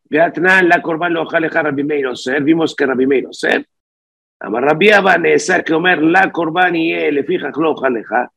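Gravelly, husky man teaching a text. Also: fairly high pitch, moderate pace, fairly bright tone. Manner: reads phrases aloud, then explains them; mixes Portuguese words into his speech. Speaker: Talmud teacher. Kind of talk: text study lesson.

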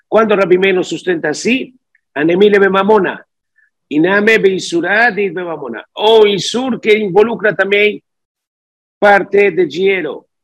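Gravelly, husky man teaching a text. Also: fairly high pitch. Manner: reads phrases aloud, then explains them; mixes Portuguese words into his speech. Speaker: Talmud teacher. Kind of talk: text study lesson.

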